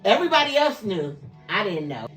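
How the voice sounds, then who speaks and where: A woman hosting a casual talk show, lively and teasing with her guest. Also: medium pitch, a little fast, reverberant, far from the mic. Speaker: host.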